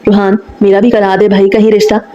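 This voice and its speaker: A woman's voice: medium pitch, flat delivery, fairly quick, warm tone, highs cut off, natural voice. A woman voicing a young man's joking best friend in a romance audiobook, talking in a teasing way.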